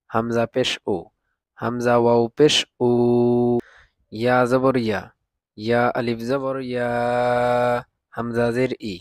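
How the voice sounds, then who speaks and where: A man teaching Quran reading, drilling letter sounds slowly and patiently. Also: medium pitch, a little mellow, no echo. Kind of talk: recitation lesson, spelling out letters.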